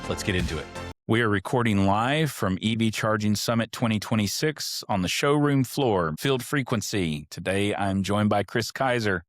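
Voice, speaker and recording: A man's voice: lowish voice, normal speed, no room sound, soft background music. A man with a Texas accent hosting a podcast live from a convention showroom floor, friendly and conversational. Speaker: podcast host.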